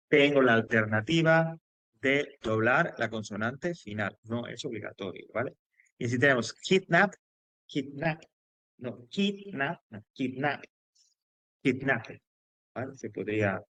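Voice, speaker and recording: Casting note: Spaniard, male teacher mid-lesson, mid-pitched voice, dry close sound. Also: pushed and bright, no room sound. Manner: explanatory, with frequent fillers, restarts and checks like "¿vale?". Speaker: English teacher. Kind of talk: classroom grammar lesson.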